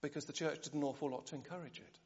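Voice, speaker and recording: A man preaching a sermon, animated and often asking the congregation rhetorical questions. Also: on the high side, racing. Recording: dull sound, long church reverb.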